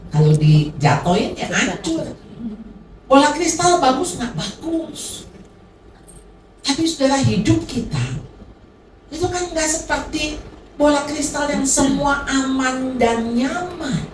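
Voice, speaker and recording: A middle-aged woman pastor preaches to her congregation, her fairly high voice rising and falling with animated emphasis. She is recorded from a distance in an echoey church hall with faint ambient noise behind her. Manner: lively preaching, addressing the congregation directly. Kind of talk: sermon.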